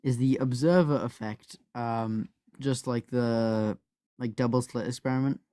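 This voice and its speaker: A man chatting casually on a voice call, rambling and halting, with frequent false starts. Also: medium pitch, steady tone, dark tone, smooth, no echo. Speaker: panelist on a live debate stream. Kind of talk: casual chat and anecdote. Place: online voice call.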